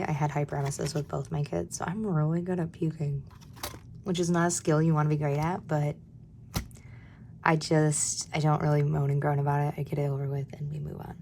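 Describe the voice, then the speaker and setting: A woman in her thirties with a hoarse voice from a cold, chatting candidly while she budgets and sometimes dropping to a near-whisper. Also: sits low, a little mellow, a little hiss or hum. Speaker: budgeting vlogger. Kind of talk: casual chat while stuffing cash envelopes.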